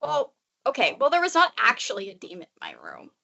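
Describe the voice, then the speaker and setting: In a muffled, lo-fi recording, a young female podcast co-host rambles through a casual chat full of fillers. She speaks briskly in a slightly high, creaky, pushed and bright voice, with huge swings in pitch.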